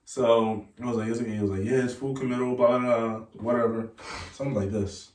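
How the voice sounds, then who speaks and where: Young man, podcast guest, animated storyteller, acts out voices, echoey room, distant mic. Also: on the low side, brisk. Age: young adult. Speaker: guest, college football player. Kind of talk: casual storytelling. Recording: roomy echo, mic at a distance.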